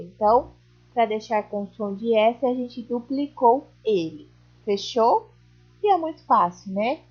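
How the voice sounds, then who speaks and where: A woman teacher explains a worksheet to first graders at a patient, step-by-step pace and keeps checking that they follow. Her voice sits fairly high with a husky edge. The recording sounds dull and lo-fi. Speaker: primary school teacher. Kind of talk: recorded remote class.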